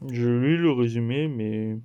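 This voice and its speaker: Un homme qui présente ses achats de mangas de la semaine sur un ton décontracté, en énumérant les titres un par un et en riant de ses erreurs. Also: male voice, medium pitch, clear, resonant tone, lo-fi sound. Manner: slow, listing titles one by one; playful, laughs at own mistakes. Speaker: manga haul vlogger. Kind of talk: casual haul video chat.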